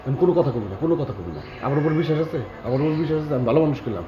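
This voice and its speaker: A man's voice: medium pitch, animated, very fast, noisy background, lightly acted. Male actor, an urgent, whispery-pleading bachelor hero; roomy, muffled sound. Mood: hushed urgent. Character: bachelor hero hiding a foreign guest, a young man. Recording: echoey, dull-sounding room.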